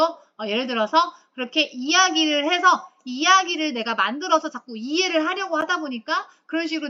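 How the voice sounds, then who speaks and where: A woman's voice: high voice, bright, forceful tone. A woman English teacher giving a chatty classroom lecture, often checking whether her students follow along. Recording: dull lo-fi classroom recording.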